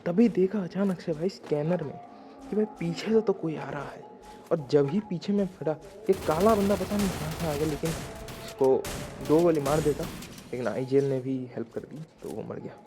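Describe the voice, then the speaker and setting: A young man giving casual, slangy, excited commentary over his gameplay highlights. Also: moderate pace. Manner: excited, slangy, talks to viewers as "bhai". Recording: voice-over with loud background music.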